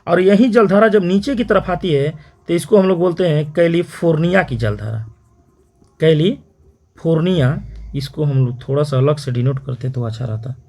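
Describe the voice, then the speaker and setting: Guy teaching a geography lesson for exam prep, bit higher voice, keeps asking questions and repeating stuff. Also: steady tone, a little fast, a little mellow. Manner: repetitive question-and-answer drilling, frequent "theek hai".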